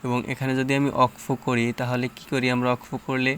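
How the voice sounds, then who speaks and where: A man's voice: mid-range voice, completely flat delivery, a little fast, fairly bright tone, slight background noise. A man teaching Quran reading, sounding out syllables one at a time and explaining the tajweed rules patiently. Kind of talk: tajweed lesson, syllable-by-syllable recitation.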